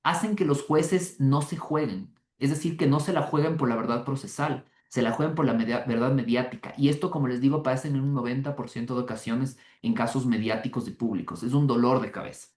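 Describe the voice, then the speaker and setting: A man's voice: medium pitch, a little fast, hardly any pauses, a little mellow. A man giving an online criminal law lecture, conversational and full of rhetorical questions to the audience. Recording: echoey room.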